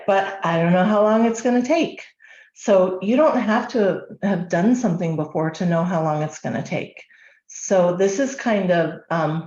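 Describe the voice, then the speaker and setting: A woman teaching an online course in a fairly low voice, chatty and loose, with plenty of ums and questions put to her audience. Her sound is roomy and echoing. It is also a bit muffled and dull. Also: a little mellow. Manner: conversational, frequent ums, rhetorical questions. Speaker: course instructor.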